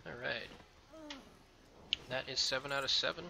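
A man's voice: medium pitch, steady tone, moderate pace, creaky, sharp tone, slight background noise. A man hosting a let's play, talking casually over his game with frequent ums and a loose, rambling manner. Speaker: gameplay video host. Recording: game music playing behind.

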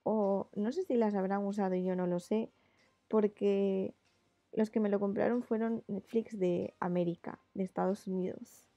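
Chatty woman with a gravelly voice. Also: mid-range voice, fairly even intonation, normal speed, warm tone, no room sound. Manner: chatty, rambling with many fillers. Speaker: illustrator. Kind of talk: casual chat while drawing live.

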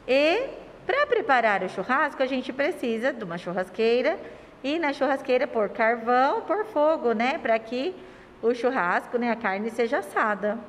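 A woman teacher from Brazil giving a lesson to young children, slowly stretching syllables and asking them questions affectionately. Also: on the high side, very animated, long reverb tail, slight background noise. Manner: sing-song, stretches words and syllables slowly.

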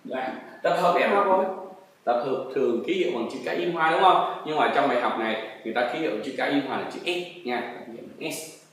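A man's voice: mid-range voice, brisk, a bit bright. A man teaching a textbook math lesson, coaxing pupils along with frequent tag questions. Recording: very echoey room, distant mic, faint noise.

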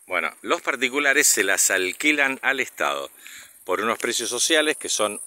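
A very animated father, medium-pitched and pushed bright at normal speed, vlogs casually in Rioplatense Argentine Spanish while walking a path. Holding the camera or phone himself, he talks to viewers and to his child. Outdoor background noise is plainly heard.

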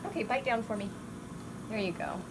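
A woman's voice: mid-range voice, fairly quick. A woman talking casually to a patient as a dental surgery nurse, giving simple instructions. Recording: noisy phone recording.

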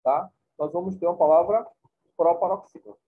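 In a fairly quick, steady, somewhat high and husky voice, a man lectures his class, going over points again and checking that students follow. The recording is thin and phone-like.

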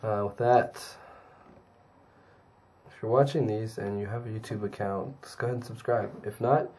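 A young man talking to his own camera in a casual daily vlog, rambling with fillers, hoarse and tired from a cold. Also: fairly even intonation, normal speed, a little mellow. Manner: low-key, rambling with fillers. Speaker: vlogger.

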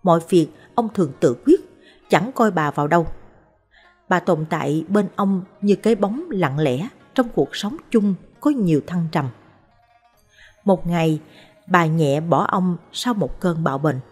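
A woman narrating short life stories in a calm, measured, scripted way. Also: on the low side, slightly rough. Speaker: storyteller. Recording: soft background music.

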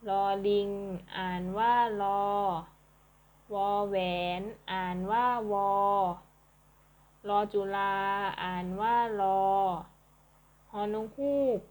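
A woman teacher drills her pupils in a very slow, deliberate voice. She says each letter name and then its sound, one after another, evenly and patiently. Her pitch sits in an ordinary middle range. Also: steady tone, darkish tone, poor audio. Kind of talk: slow drilled reading lesson.

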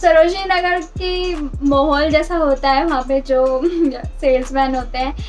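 A woman gives casual reaction commentary on a comedy video, chatty and enthusiastic. Her voice sits high and she talks at an unhurried pace. Faint music plays behind her. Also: fairly even intonation. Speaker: reaction vlogger.

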